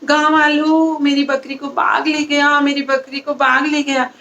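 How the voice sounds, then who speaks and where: A woman voicing a young mischievous village shepherd boy in a children's story, shouting high and loud. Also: fairly even intonation, moderate pace, muffled recording. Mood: shouting alarm.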